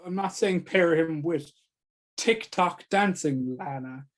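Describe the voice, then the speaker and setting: A man's voice: a little high, takes it slowly. A man, co-hosting a podcast, talking bluntly and repeating himself for emphasis. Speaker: podcast co-host. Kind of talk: casual chat.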